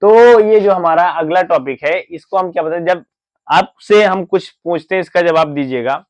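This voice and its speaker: A man's voice: sits high, normal speed, dry recording. Man teaching grammar, fond of rhetorical questions. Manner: repetitive rhetorical questions, answers himself; says "thik hai" often. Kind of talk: classroom explanation.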